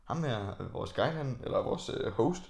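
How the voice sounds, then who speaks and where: Young man, gravelly voice, hesitant casual chat, echoey room. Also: mid-range voice, sing-song. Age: young adult. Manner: hesitant, many fillers and restarts.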